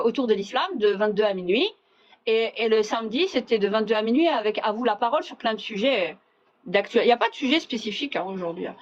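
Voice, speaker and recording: A woman's voice: on the high side, muffled recording. A woman hosting a casual live chat, talking bluntly and sarcastically, dropping Arabic phrases into her speech. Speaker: livestream host.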